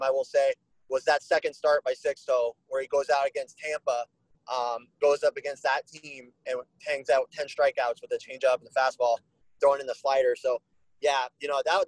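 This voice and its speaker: A man's voice: medium pitch, dry recording, rough recording. A man talking as a guest in a casual podcast chat, rambling with lots of "you know" fillers.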